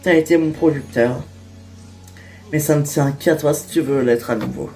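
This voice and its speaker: A woman's voice: low voice, normal speed, warm tone, soft background music, lightly acted. A woman voicing a caring woman on the phone who anxiously keeps asking if he is all right. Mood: friendly. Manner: anxious, repeated questions. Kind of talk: toy-figure fan series voice acting.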